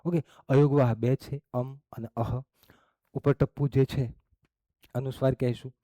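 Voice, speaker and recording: A man's voice: mid-range voice, level tone, warm tone, no room sound. A man teaching a class, explaining step by step and checking in with "okay?" after each point. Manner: slow, explains step by step with frequent "okay?" and "barabar?". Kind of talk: classroom lesson.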